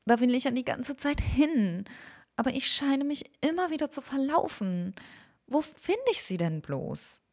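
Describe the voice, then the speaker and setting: A woman's voice: high voice, big pitch swings, unhurried, voice pushed up, exaggerated voice. A woman voicing a lost young woman in a storybook, wondering and plaintive. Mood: wondering, weary. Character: lost, weary young woman wandering a forest.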